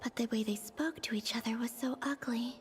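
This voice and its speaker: Actress as dreamy young goddess, female, gentle, breathy musing, high pitch, game dialogue over music. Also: fairly even intonation, fairly quick, lightly acted. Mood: curious, hushed. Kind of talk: video game voice acting.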